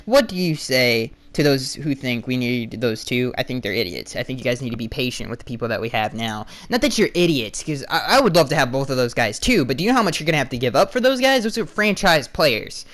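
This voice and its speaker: A young man hosting a casual solo podcast, answering fan questions bluntly with lots of restarts, his voice going hoarse. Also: mid-range voice, fairly bright tone. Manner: rambling, restarts and fillers, blunt opinions. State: losing his voice.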